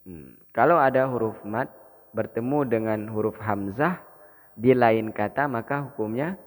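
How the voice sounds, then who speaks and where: An Indonesian man teaches Quran reading in an unhurried, measured voice. His explanations come slowly, and he breaks into drawn-out melodic chanting of verses for his students to repeat. The sound carries a long reverb from the mosque hall he speaks in. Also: on the low side. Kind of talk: Quran recitation lesson.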